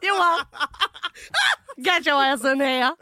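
A young woman co-hosting a podcast, talking emotionally and laughing often, with quick swings between loud and quiet. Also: high-pitched, no echo, studio quality. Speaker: podcast co-host. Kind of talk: casual chat.

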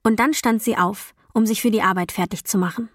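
A woman reading a first-person novel as an audiobook, in a calm, even storytelling voice with quiet dialogue voices. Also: medium pitch, a little fast, no echo, clean studio sound. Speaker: audiobook narrator. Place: dry recording booth. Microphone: close studio mic.

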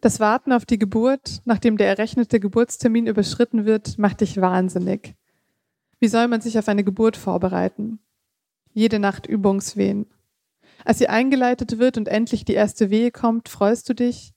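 Woman author, measured literary reading, warm mellow tone, dry close sound. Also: medium pitch, steady tone, creaky, dry recording. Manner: measured reading with occasional slips and casual asides. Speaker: author reading her own text.

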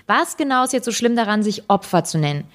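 A woman's voice: medium pitch, big pitch swings, quick pace, lightly acted. A woman voicing a combative young female talk-show guest who speaks bluntly. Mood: defiant.

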